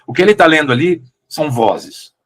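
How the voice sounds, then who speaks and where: A Brazilian man, a literary translator, talking through his choices in a relaxed interview, with frequent restarts and questioning tags. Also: a little high, a little fast. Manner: thoughtful, hesitant, many restarts and "né?" tags. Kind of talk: casual conversational interview.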